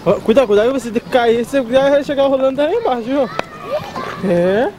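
A man's voice: very high-pitched, animated, a little fast, noisy background. A man, filming a family outing and talking to his small children in a coaxing, sing-song way. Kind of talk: casual home video chat. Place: outdoor park with people around. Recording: home video with crowd and music behind.

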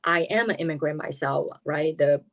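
A woman in her fifties with a Taiwanese accent, speaking in an earnest video interview from a small room at home, halting and searching for words with many fillers. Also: deep voice, fairly bright tone. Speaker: interviewee, politician. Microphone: video call.

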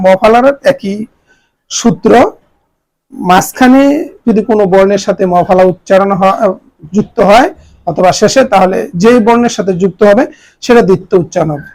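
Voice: medium pitch, darkish tone, rough recording. A teacher giving a grammar lesson, spelling out each word letter by letter and repeating it for the students.

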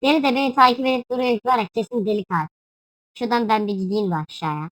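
A woman's voice: fairly high pitch, quick pace, no echo. A young woman casually commentating her own gameplay, playful and chatty, breaking into shrieks and yelps when startled. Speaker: gaming YouTuber.

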